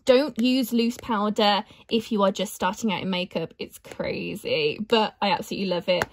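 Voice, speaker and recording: A woman's voice: medium pitch, moderate pace, background noise. A bubbly young woman with a British accent, chatting enthusiastically through a casual makeup tutorial. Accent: British English. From Britain. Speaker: beauty vlogger.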